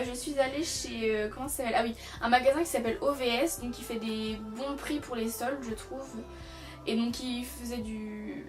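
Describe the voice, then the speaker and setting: A young woman chatting casually through a shopping haul, rambling with many fillers and restarts. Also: on the high side. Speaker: beauty vlogger. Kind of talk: casual haul video chat. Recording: distant from the mic, music behind. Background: music.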